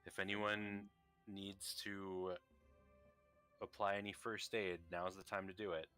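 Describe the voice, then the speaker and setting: A man playing a character in a tabletop game, halting and hesitant as he decides what to do. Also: deep voice, little pitch movement, bright, forceful tone, clear, resonant tone, faint music behind. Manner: hesitant, full of fillers. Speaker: player.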